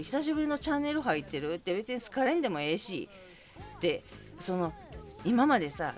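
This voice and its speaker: A woman with a Kansai accent, chatting alone as podcast host and telling a story with laughs along the way. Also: on the low side. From Kansai region of Japan. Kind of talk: casual solo monologue.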